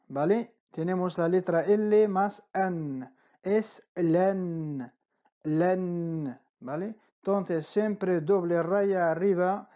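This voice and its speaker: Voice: mid-range voice, warm tone, dull audio. A teacher explaining letters in Spanish, stretching out syllables and repeating each word several times, often checking with "¿vale?". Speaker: Arabic teacher. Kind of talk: slow spelling-out lesson.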